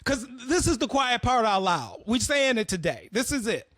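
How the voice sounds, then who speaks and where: A man's voice: very high voice, sing-song, moderate pace, a bit bright, dry recording, studio quality. A man hosting an opinionated commentary monologue, talking bluntly and profanely as he tells stories. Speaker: host.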